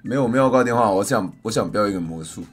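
A man, a live streamer chatting and ranting loudly and mixing in English phrases. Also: lowish voice, animated, rapid-fire, soft background music. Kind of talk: casual livestream chat.

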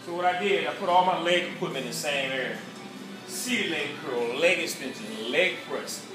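With an expressive, higher-pitched voice at normal speed, a middle-aged Southern US man gives a relaxed, boastful tour of his gym, full of upbeat salesman patter. The handheld camera following him picks up distant, echoey audio, with music playing throughout the indoor gym.

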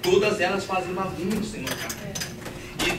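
A man from Brazil, a pastor preaching a sermon, animated and laughing as he acts out family stories. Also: high voice, normal speed. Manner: animated storyteller acting out family scenes, laughing often. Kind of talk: sermon with storytelling. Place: church hall. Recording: echoey church hall from far off, noisy.

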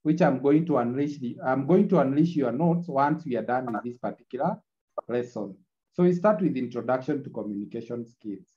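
A man's voice: medium pitch, expressive, brisk, highs cut off. A man teaching an online class, heard through a screen recording of the video call, repeating his points and checking in with "eh?". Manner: repetitive, checks in with tag "eh?". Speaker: lecturer.

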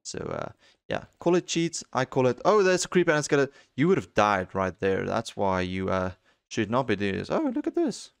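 A young man giving excitable let's-play commentary on a video game, jumping into high squeals when something thrills him. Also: fairly quick, vocal fry, clear, resonant tone, dry recording. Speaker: gaming channel host.

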